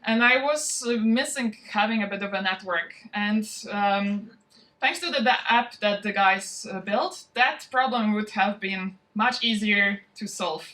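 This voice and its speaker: A woman who founded the bootcamp, welcoming an audience and introducing its students in a relaxed way, with frequent ums. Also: mid-range voice, unhurried, recorded from a distance, poor audio. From from outside Norway. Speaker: bootcamp founder hosting a demo day. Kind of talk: event welcome speech. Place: event venue, spoken to a live audience.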